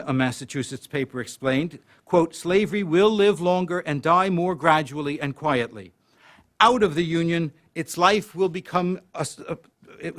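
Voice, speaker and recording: A man with a slightly higher-than-usual voice reads a history lecture from a prepared text. He gives quoted passages extra weight and slows down on the key phrases. Now and then he trips over a word and starts it again. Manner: occasional slips and restarts mid-sentence.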